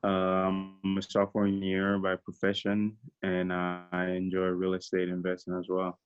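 A man's voice: low voice, completely flat delivery, moderate pace, clear, resonant tone, lo-fi sound. A man in his twenties with a Togolese accent and French as his first language, answering casually as a podcast guest. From Togo.

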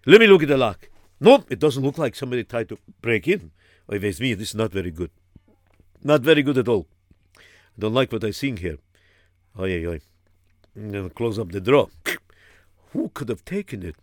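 A man's voice: mid-range voice, expressive, a little fast, pauses often, dry recording, close to an everyday voice. A man voicing a fussy, easily alarmed rabbi who mixes Yiddish phrases into his talk and repeats himself when worried.

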